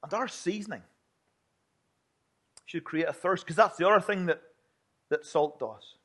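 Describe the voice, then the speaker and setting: A male preacher with a Northern Irish accent gives a sermon in a notably high voice. His delivery is earnest and plain-spoken, turning now and then to rhetorical questions. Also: fairly bright tone.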